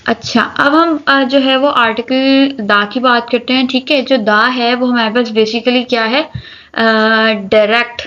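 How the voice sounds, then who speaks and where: Woman English tutor, slightly high voice, patient checking-in manner, dull lo-fi audio. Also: fairly even intonation, a little slow, fairly bright tone. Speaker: English teacher. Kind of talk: grammar lesson explaining articles. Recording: dull lo-fi recording.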